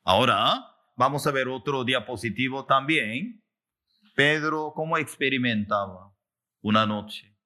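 A male pastor preaching a sermon slowly and emphatically, repeating phrases, calling for responses and acting out quoted voices. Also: sharp tone. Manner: slow, emphatic preaching with repetition and call-and-response; acts out quoted voices with big pitch jumps.

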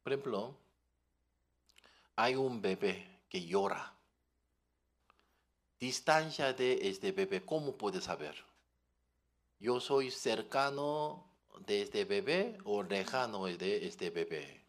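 Very slow, animated male preacher. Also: on the low side. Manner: questioning the audience, animated storytelling. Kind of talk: sermon.

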